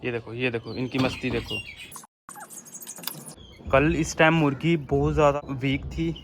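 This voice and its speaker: A man's voice: mid-range voice, steady tone, unhurried, noisy background. A young man vlogging at his backyard bird enclosure, chatting casually to viewers while feeding his pigeons and chicks. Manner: chatty, addresses viewers as friends. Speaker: vlogger keeping birds and rabbits. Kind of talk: casual vlog narration. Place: outdoor rooftop bird enclosure.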